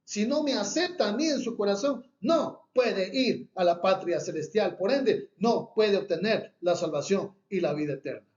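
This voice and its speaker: Man preaching, high voice, emphatic, repeats phrases, muffled lo-fi sound. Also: animated, normal speed, hardly any pauses. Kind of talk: sermon with Bible reading. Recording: echoey room, dull lo-fi sound.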